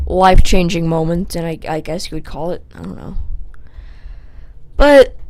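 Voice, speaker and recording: A young woman telling a rambling, self-mocking story for a casual vlog, full of fillers, with a sore throat. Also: mid-range voice. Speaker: vlogger.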